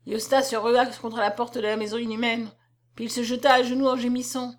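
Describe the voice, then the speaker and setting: A woman narrating a novel aloud in an expressive, dramatic reading. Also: fairly high pitch, brisk.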